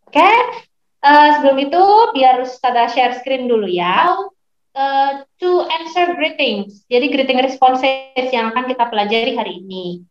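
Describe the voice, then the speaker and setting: A woman teaching English online, explaining slowly and patiently to her students. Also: sits high, soft background music. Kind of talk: online class lesson, mixing English and Indonesian. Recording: echoey, slightly muffled online lesson audio.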